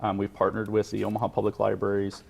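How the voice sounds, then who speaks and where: A man guest on a studio TV segment, explaining an event in a halting way and repeating words. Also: on the low side, monotone, creaky. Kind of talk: studio interview.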